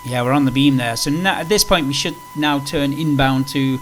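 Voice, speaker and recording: Playing a flight simulator, a man explains things in loose, unscripted tutorial-style commentary, wandering along easily. He speaks at normal speed with a medium pitch, over clearly noisy audio with a steady hum.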